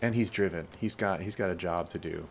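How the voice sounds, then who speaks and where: A man's voice: sits low, a little fast, creaky, a little hiss or hum. A man hosting a let's play, chatting casually and self-deprecatingly and talking back to the characters on screen. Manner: rambling and self-deprecating, talks to the game characters. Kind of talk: casual gameplay commentary.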